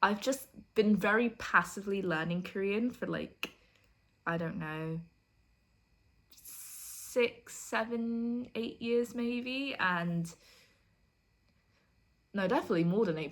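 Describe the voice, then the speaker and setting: In an unhurried, medium-pitched voice with a fairly bright tone, a UK university student in her young adult years chats casually for a get-to-know-me vlog, giggling often and poking fun at herself.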